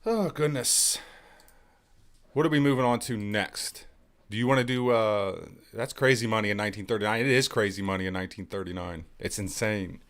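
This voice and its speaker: A man's voice: lowish voice, fairly quick, a bit bright. A man in his thirties hosting a casual live podcast, sarcastic and joking, swearing freely. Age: 30s. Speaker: podcast host.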